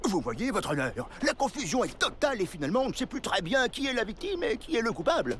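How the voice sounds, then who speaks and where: A man's voice: sits high, sing-song, fast, fairly bright tone, slight background noise. A man playing a slick defence lawyer in a cartoon, pleading in a formal, glib way. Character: slick, smooth-talking male defence lawyer. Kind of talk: animated cartoon acting. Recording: music behind.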